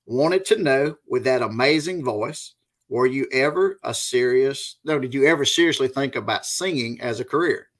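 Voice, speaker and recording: Male host, mid-pitched, casual interviewer who rephrases on the fly. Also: moderate pace. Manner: conversational, rephrases mid-question. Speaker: podcast host.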